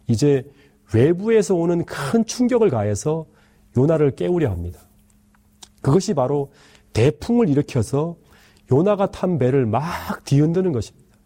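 A male pastor giving an earnest sermon, pleading with the congregation and letting his sentence endings fall soft and low.

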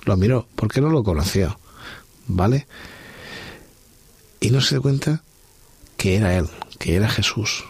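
A man's voice: on the low side, animated, a little slow, long pauses, a little mellow, breathy edge. A man leading a reflective Bible study talk on a podcast, musing aloud and posing rhetorical questions. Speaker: podcast host.

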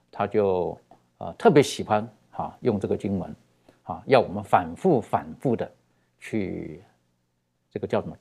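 A male preacher delivering a sermon in a relaxed, conversational teaching voice. His pitch moves in a lively way, and he stretches out key phrases for emphasis between frequent fillers. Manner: animated, with many fillers and drawn-out emphasis.

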